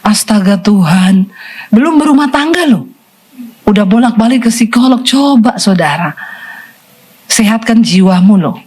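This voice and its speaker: Lively woman pastor preaching. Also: medium pitch, unhurried, long pauses, slightly rough. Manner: lively storytelling with quoted voices and asides; colloquial, mixes in English phrases. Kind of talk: sermon.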